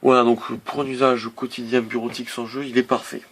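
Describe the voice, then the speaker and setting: A man's voice: medium pitch, level tone, a little fast, a bit bright. A man casually reviewing a laptop on camera, hesitant, with many fillers and restarts. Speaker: tech reviewer.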